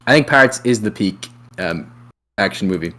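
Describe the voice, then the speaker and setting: A young man hosts a casual podcast chat and talks through his choices out loud. He sounds unsure and keeps filling the gaps with "uh" and "like" as he restarts his sentences. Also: fairly low pitch, animated, normal speed. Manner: indecisive, thinks aloud with many fillers. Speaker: podcast host.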